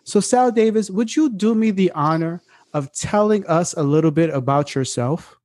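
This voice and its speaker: A man's voice: high voice, normal speed, a little mellow, dry recording, clean studio sound. A man hosting a podcast in casual chat, playful and joking, with an occasional put-on radio voice and some swearing. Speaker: podcast host.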